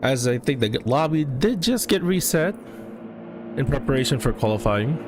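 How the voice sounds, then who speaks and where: A man giving live sim racing commentary as a regular commentator, halting and often correcting himself. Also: medium pitch, very animated, music in the background. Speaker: race commentator.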